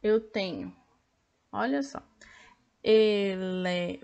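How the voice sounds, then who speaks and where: A woman teacher with a Brazilian Portuguese accent, patiently walking pupils through a workbook and sounding out each word clearly. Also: medium pitch, extremely slow, a little mellow. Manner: patient, over-articulates words to count syllables. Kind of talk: slow classroom explanation of an activity book.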